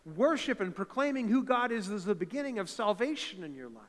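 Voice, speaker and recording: His delivery sing-song and a little fast, the fervent eastern Canadian pastor preaches a sermon that rings through the reverberant sanctuary. His big, slightly high voice climbs from conversational speech to loud, emphatic peaks.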